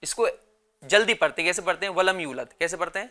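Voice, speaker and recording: A man with a Pakistani Urdu accent teaching children Quran recitation, chanting verses slowly and explaining quickly between them. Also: high voice, bright, forceful tone. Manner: slow drawn-out recitation, then quick explaining, calls on children to repeat.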